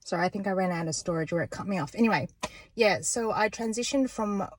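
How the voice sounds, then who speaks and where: A woman's voice: medium pitch, a little fast, a little hiss or hum, poor audio. A woman, chatting casually to camera as a running vlogger, upbeat and self-encouraging. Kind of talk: casual vlog chat to camera. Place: outdoors and in a car after a run.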